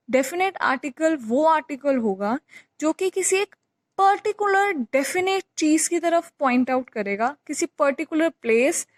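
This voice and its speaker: A woman's voice: high-pitched, no room sound. A woman teacher patiently explaining a grammar lesson, repeating key points with examples. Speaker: English teacher.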